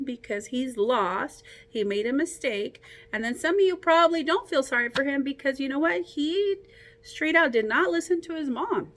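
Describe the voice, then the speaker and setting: In a high-pitched voice, a female teacher reads a story aloud to children, sounding expressive and encouraging. She tosses in casual asides to her young audience.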